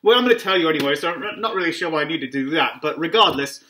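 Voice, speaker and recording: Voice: mid-range voice, lively intonation, fast talker, pushed and bright. Joking snack reviewer through a costume mask. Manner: jokey, rambling, self-mocking asides. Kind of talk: casual food review vlog. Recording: clear background noise.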